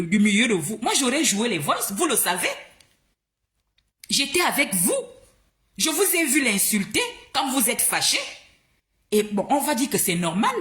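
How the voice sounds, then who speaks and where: Indignant woman with a lively voice. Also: a little high. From Gabon. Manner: indignant, confrontational, repeats rhetorical questions; stumbles and restarts when agitated. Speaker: live streamer. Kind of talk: heated live-stream monologue.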